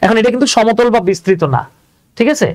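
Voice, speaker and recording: A man's voice: very high-pitched, quick pace. A man teaching an English lesson live, chatty and often checking that viewers follow.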